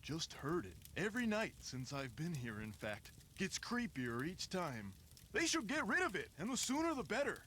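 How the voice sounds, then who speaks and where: An actor playing a folksy, boastful middle-aged construction worker in a mystery game, with a Canadian accent. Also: male voice, sits high, wildly swooping pitch, moderate pace, pushed and bright, slight background noise, heavily acted. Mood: gruff. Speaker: game character.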